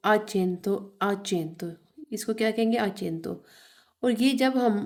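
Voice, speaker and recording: A woman's voice: mid-range voice, dark tone. A woman teaching a beginner Italian lesson, spelling out and repeating words. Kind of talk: slow language lesson.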